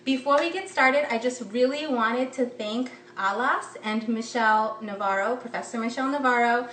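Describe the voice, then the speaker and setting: A woman's voice: fairly high pitch, moderate pace, fairly bright tone, slight background noise. Upbeat woman on a kitchen phone stream. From United States. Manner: chatty, upbeat, lots of ums. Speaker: cooking instructor. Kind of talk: live-streamed cooking demo. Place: home kitchen, indoors. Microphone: phone camera propped close. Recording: roomy, slightly distant phone audio.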